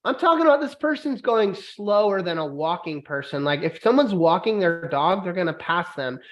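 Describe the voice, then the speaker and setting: A man's voice: sits high, expressive, moderate pace. Tipsy man ranting with profanity. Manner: loud, profane mock-angry ranting. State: drinking, tipsy. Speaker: podcast host. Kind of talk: casual podcast banter.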